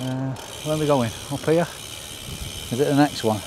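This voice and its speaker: A middle-aged cycling vlogger with a northern English accent chats while riding his bicycle outdoors, giving upbeat ride-along commentary like a travel show host. His mid-range voice moves at normal speed. The recording is noisy, with wind and traffic.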